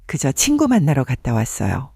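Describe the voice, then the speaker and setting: A man's voice: medium pitch, wildly swooping pitch, fairly quick, creaky, dark tone, breathy edge, no room sound, exaggerated voice. A man voicing a timid elderly wife around seventy, speaking carefully and apologetically.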